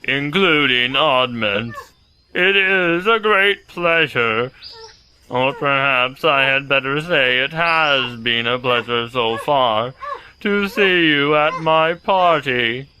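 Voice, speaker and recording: Slow, gloomy old donkey, acted by a man. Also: medium pitch, sharp tone, slight background noise, low-quality recording. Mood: pompous, sour. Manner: slow, deliberate, halting, sardonic. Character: gloomy, self-pitying old male donkey, grumbling and pompous. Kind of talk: audio storybook dramatization.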